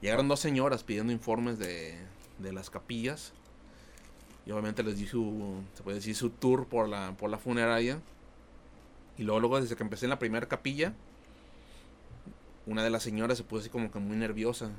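A man's voice: on the low side, fairly quick, slight background noise. A man with a Mexican Spanish accent telling an anecdote in a casual podcast chat, rambling with many fillers. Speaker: podcast co-host.

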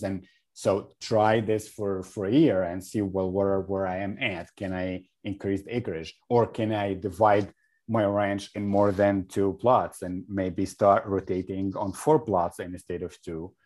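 Man from Egypt, low voice, dark mellow tone, halting speech full of fillers, interview guest. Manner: halting, many fillers and restarts. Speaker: guest, regenerative agriculture advocate. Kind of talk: podcast interview.

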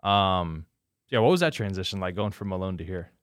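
Lively intonation and a fairly quick pace mark this man's low-sitting, slightly bright voice. He's a podcast host in his twenties who reads a scripted intro, then asks relaxed interview questions, rephrasing them mid-ask. The studio sound is clean, without echo.

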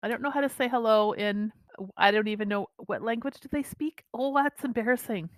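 A woman co-hosting a podcast, chatty and bubbly, quick to laugh at herself. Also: fairly high pitch, no echo. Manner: chatty, bubbly, self-deprecating. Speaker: podcast co-host. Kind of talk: casual chat.

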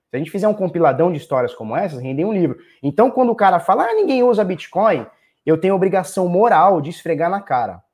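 Animated Brazilian man hosting a live stream. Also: high voice, breathy edge. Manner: animated, chatty, quizzes viewers, tosses in playful sound words. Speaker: crypto market live-stream host. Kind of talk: casual live-stream commentary.

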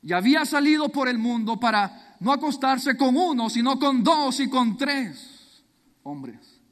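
A male youth pastor preaches with dramatic storytelling. His voice sits high for a man and carries a long reverb, as if he is in a large hall. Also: very animated, a little slow. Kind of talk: sermon.

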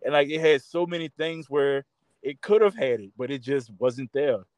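A man's voice: fairly high pitch, moderate pace, darkish tone, no room sound. A man chatting casually and informally, giving his opinions in a discussion. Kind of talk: casual chat.

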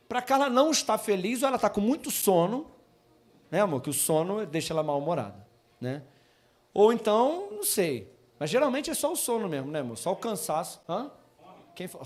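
Young preacher guy, pretty high voice, chatty then loud and punchy in church. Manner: builds from chatty asides to loud emphatic preaching; addresses congregation as brothers. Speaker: pastor. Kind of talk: Christmas sermon.

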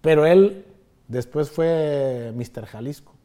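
A man's voice: a little high, takes it slowly, warm tone. A Mexican man hosting a podcast, chatting casually and laughing along with his guest. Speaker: podcast host.

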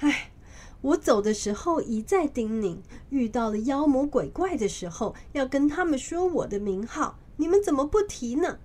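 A cocky, quick-tempered monkey king, as a woman narrator puts him on, scoffing and blustering at everyone around him. His voice stays fairly high and lively, full of bravado. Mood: grumbling. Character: proud, hot-tempered male monkey king.

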